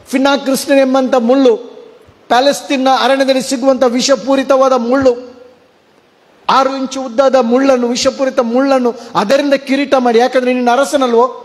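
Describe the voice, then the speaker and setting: A man preaches a sermon, his voice sitting high for a man. He drops English words into his talk and keeps putting questions to the listeners. A long reverb trails his words. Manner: mixes English words, asks the congregation questions. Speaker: pastor.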